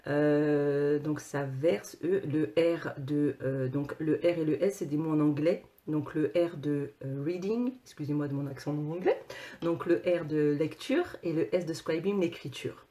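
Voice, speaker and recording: A woman coach talking casually to her viewers, animated, with many repeated words and restarts. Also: low-pitched, unhurried. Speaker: personal coach and author.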